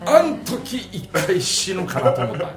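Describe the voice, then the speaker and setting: A man's voice: high-pitched, moderate pace, reverberant, over music. A man around fifty with a Kansai accent, telling a drinking story in casual chat and acting out the voices. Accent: Kansai Japanese. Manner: animated, acts out voices, laughs while telling. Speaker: storyteller guest.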